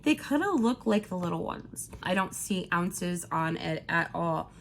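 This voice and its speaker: A woman with a sick-sounding voice gives a chatty, lively makeup review as a beauty vlogger. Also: fairly low pitch, a little slow, creaky, a little hiss or hum.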